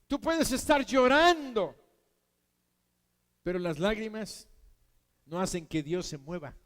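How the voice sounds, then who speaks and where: A man's voice: high voice, lively intonation, slow, a bit bright. A man with a Mexican accent preaching a sermon in an earnest, emphatic, repetitive way. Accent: Mexican Spanish. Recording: long hall reverb.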